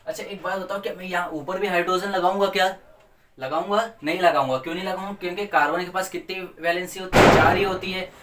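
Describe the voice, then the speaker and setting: A man's voice: high voice, fairly even intonation, fast talker, fairly bright tone. Man, teacher, chemistry revision lesson, playful, quizzes and answers himself, echoey room, distant mic. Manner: playful, asks and answers his own questions.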